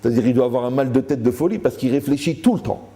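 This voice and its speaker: A man's voice: mid-range voice, fast, dark tone. A man giving a Torah lecture to a live audience, joking, asking the room questions and acting out the people he quotes.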